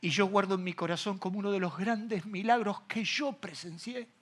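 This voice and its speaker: A man with a Rioplatense Spanish accent, a pastor preaching a sermon as an animated storyteller. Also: high voice, moderate pace.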